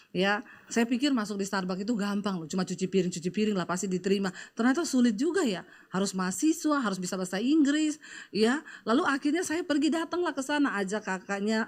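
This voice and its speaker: A middle-aged woman pastor, preaching in a chatty, storytelling way with lots of fillers. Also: medium pitch. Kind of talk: conversational sermon with personal stories.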